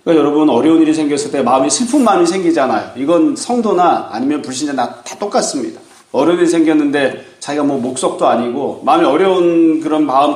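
A man giving a calm, explanatory sermon on a psalm as a pastor, asking rhetorical questions. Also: on the high side, roomy sound.

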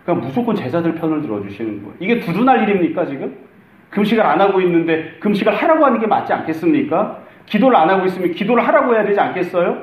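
A man's voice: high-pitched, very animated, racing, reverberant, rough recording. A middle-aged male pastor preaching a conversational sermon, acting out the lines he quotes.

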